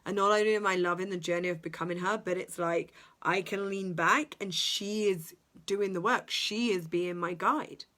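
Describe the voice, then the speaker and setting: A woman's voice: lowish voice, moderate pace, few pauses, fairly bright tone. A woman speaking as a self-development coach in a motivational podcast monologue, earnest and emphatic, with repeated phrasing and the odd drop into a whisper.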